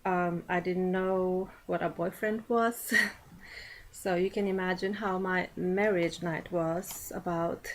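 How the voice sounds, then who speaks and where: A woman giving a prepared personal speech to an audience in a class setting, speaking deliberately with frequent pauses and fillers. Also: fairly low pitch, steady tone, slight background noise, rough recording.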